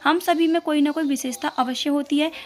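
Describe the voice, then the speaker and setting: High-voiced woman teaching a lesson. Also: fairly even intonation, brisk. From India. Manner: patient, explains step by step and reads answers aloud. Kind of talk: lesson explaining a textbook poem.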